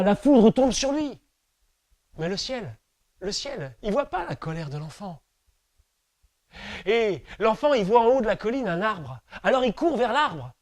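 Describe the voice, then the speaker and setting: A man from France telling a story aloud, slow and rhythmic, with deliberate repetitions and pauses. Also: sits high, a little mellow, no echo, clean studio sound. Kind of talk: oral storytelling performance.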